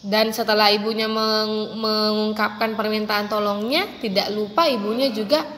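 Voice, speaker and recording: A woman teaching young children, speaking gently and calling her pupils dear, sometimes acting out a child's requests in a high voice. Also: fairly even intonation, normal speed, big-room sound, slight background noise. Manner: acts out children's rude and polite requests in a high voice. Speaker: primary school teacher. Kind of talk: online lesson for young children.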